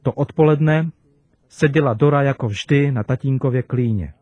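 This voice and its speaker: A man preaching to children, telling a story gently and expressively. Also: mid-range voice, no room sound, dull audio.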